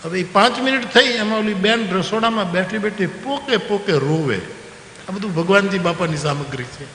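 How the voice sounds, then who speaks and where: Male religious storyteller, folksy and animated, slightly high-pitched, in a reverberant hall. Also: moderate pace, a little hiss or hum. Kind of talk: devotional story sermon. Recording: roomy hall with long reverb.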